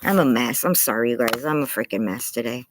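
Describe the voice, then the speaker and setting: A livestreamer in a yard chats through a face mask, muffled and anxious, apologetic and rambling, throat strained and tired. The medium-pitched voice moves briskly with lively intonation over background noise.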